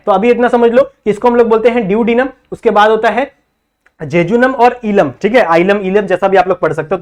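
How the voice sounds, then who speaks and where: A man tutoring biology, drawing a diagram and repeating each term back as a question, checking in with students often. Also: high voice. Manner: checks in often with "thik hai". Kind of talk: whiteboard lecture in Hindi-English mix.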